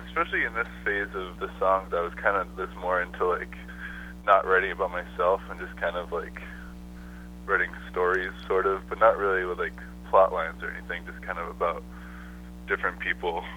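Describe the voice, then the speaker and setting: A man talking over the phone as a songwriter guest, relaxed and loose, with many fillers. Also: low-pitched, normal speed. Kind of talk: casual phone interview. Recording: muffled phone line with faint hiss.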